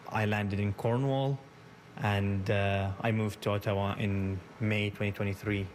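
A young man answers interview questions in his bakery kitchen. He speaks haltingly, with many "uh"s and restarts. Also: lowish voice, little pitch movement, a little hiss or hum. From Yemen, raised in Saudi Arabia. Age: 20s. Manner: hesitant, halting, with frequent "uh" and restarts. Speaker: bakery founder, guest.

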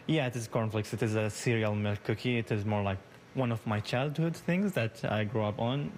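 A young man answers interview questions in his bakery kitchen. He speaks haltingly, with many "uh"s and restarts. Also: fairly low pitch, darkish tone, a little hiss or hum. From Yemen, raised in Saudi Arabia. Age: 20s. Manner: hesitant, halting, with frequent "uh" and restarts. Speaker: bakery founder, guest.

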